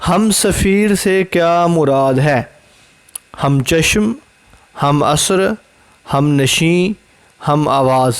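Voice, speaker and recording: A man's voice: fairly high pitch, clear, resonant tone. A man with a Pakistani accent and a slightly raised voice teaches an exam-prep lesson. He works steadily through multiple-choice questions, reading every option before firmly restating the answer. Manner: measured, reads each option then repeats the answer.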